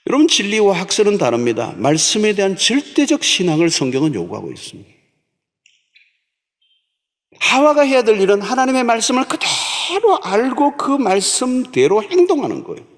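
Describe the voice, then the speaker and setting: A man's voice: sits high, wildly swooping pitch, fairly quick, few pauses. A man preaching a sermon as pastor, emphatic and repeating key words for stress. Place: large church sanctuary. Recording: long church hall reverb.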